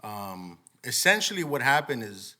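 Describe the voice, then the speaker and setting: A young guest musician from California who spent part of his childhood in El Salvador chats on a casual podcast in an unhurried, mid-range voice with big pitch swings and a pushed, bright quality. He's laid-back, laughs easily and says "bro" a lot.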